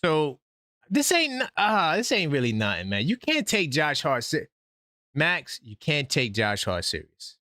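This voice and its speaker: Bright, animated sports-stream host man. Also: on the high side, a little slow, dry recording, studio quality. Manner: animated, breaks in with updates, talks straight to viewers. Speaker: host of a sports call-in livestream. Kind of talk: excited live sports talk.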